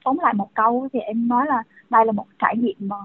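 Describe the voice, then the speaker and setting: Heard over a tinny, dry phone line without echo, a doctor in her thirties answers interview questions conversationally and earnestly, filling in often. Her voice is a little high with a breathy edge, and her pace is quick.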